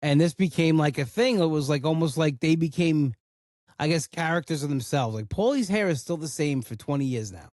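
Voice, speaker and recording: Here a podcast host in his forties, raised in an Italian-American home, rambles casually, restarting often and saying "like" a lot. His voice is a little high, a little mellow, animated and fairly quick, captured dry with studio quality.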